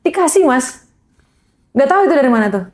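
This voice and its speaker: Lively, preachy woman guest. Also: sits high, fairly quick. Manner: animated, preachy, keeps addressing the host. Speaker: podcast guest. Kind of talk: casual religious motivational talk.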